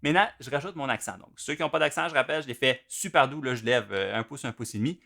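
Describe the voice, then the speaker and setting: A man's voice: medium pitch, fast talker, vocal fry, pushed and bright. A man explaining drum exercises step by step, in a patient, methodical way. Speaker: drum teacher. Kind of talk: instructional video explanation.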